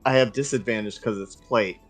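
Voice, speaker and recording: A man's voice: on the low side, steady tone, a little fast. A man talking casually as a player in a tabletop game. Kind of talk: casual chat. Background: faint music.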